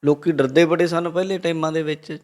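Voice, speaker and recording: A man's voice: on the high side, a little fast. A man with a Punjabi accent giving a religious talk, preaching and telling a story to a congregation. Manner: lively, quotes the Guru and tells a story to the congregation. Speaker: Sikh preacher.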